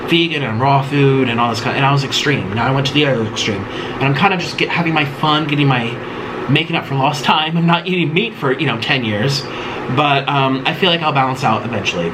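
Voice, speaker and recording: A man's voice: medium pitch, a little fast. A man in his late twenties chatting loosely while eating, reading viewer questions aloud and rambling with many ums and little giggles. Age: late 20s. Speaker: mukbang host. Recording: steady air-conditioner hum behind.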